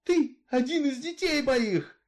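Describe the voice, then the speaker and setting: A man's voice: lively intonation, slow, heavily acted. A man voicing a frantic, pleading old grandmother in a read-aloud story. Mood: bewildered. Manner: shrill, pleading, desperate.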